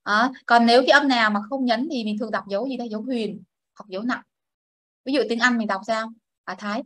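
A woman teacher runs a classroom lesson, her voice sitting a little high. She explains patiently and models each word for the class to repeat, and the sound is close and dry with little room echo. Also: fast talker, fairly bright tone. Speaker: English teacher. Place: classroom with students.

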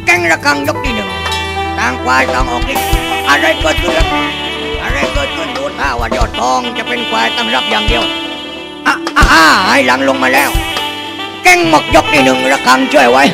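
A man voicing an excited male boxing announcer who calls the fight loudly and rapidly, in a shadow-puppet play. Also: extremely high pitch, gravelly, voice pushed up, heavily acted. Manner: loud, rapid play-by-play shouting. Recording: loud puppet-theatre band music behind.

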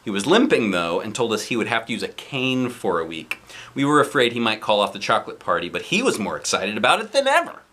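Sitting on a couch indoors, a bright-voiced man gives an animated read-aloud of a children's story, breaking off for asides to young viewers. His voice is on the low side and fast, his delivery expressive, playful and exaggerated.

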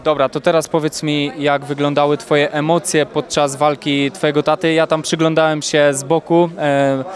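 A man's voice: fairly high pitch, flat delivery, moderate pace. A young man, a reporter, asking long rambling questions with fillers in a post-fight interview, outdoors on a handheld mic. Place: outdoors at an event press wall.

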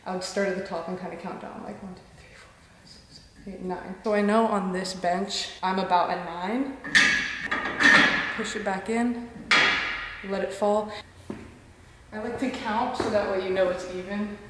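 A woman's voice: medium pitch, steady tone, normal speed, long pauses, roomy sound, very noisy. A woman in her twenties giving casual, encouraging gym tips for beginners, talking straight to the camera at close range. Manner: chatty, encouraging, says "literally" often. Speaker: fitness creator. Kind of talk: casual instructional vlog. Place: gym, then parked car, then bedroom.

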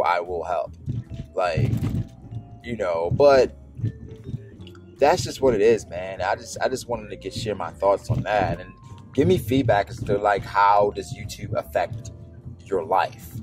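A man talking casually while driving, rambling with many restarts and fillers as he speaks to his viewers. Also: on the low side. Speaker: anime YouTuber. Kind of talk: casual car vlog monologue. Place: driving in a car. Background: faint background music.

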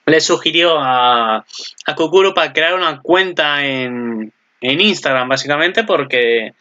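Excitable rambling young man. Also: a little high, a little slow. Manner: rambling, excitable, swears casually, frequent restarts. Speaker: anime commentator. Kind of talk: casual recap commentary. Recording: dull lo-fi recording.

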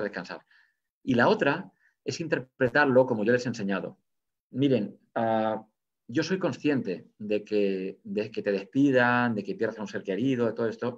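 A man giving a motivational webinar talk, addressing the audience directly and animated as he tells stories, over a video call. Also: medium pitch, breathy edge, highs cut off. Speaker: webinar speaker.

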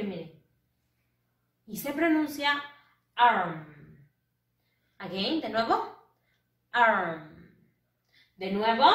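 A woman's voice: high-pitched, a bit bright. A woman teaching English to first graders in a sing-song, coaxing way, answering her own questions in children's voices. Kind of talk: children's lesson. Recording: roomy, distant from the mic.

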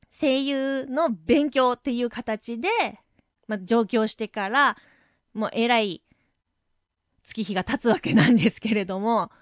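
A woman hosting her own web radio show, talking casually and reflectively, thinking aloud with soft asides. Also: a little high, clear, resonant tone, no echo, clean studio sound. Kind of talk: casual solo radio talk. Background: background music.

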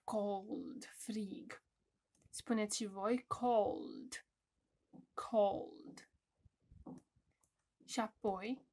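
A woman with a Romanian accent teaching English words to young children in a home-school lesson, repeating each word slowly and clearly. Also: fairly high pitch. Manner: slow, emphatic word drills with repetition.

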